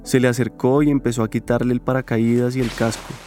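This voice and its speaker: A male podcast narrator reads scripted documentary storytelling in a level, flat delivery. His tone is dark and mellow. Soft music runs faintly underneath. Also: medium pitch. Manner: measured, even storytelling.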